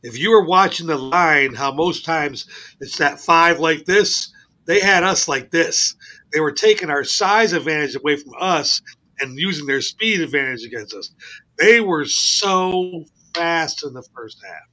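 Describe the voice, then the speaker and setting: High bright voiced guy hosting sports radio, swears a lot, animated storyteller. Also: unhurried. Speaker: host. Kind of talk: casual sports radio chat. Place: radio studio.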